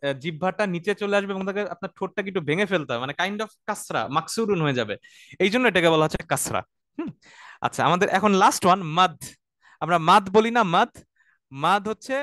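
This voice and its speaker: High, clear-voiced man teaching Arabic. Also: fairly bright tone, no room sound, studio quality. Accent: Bangladeshi. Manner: explains slowly, often asks "right?", has students repeat verses. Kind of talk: online Quranic Arabic class.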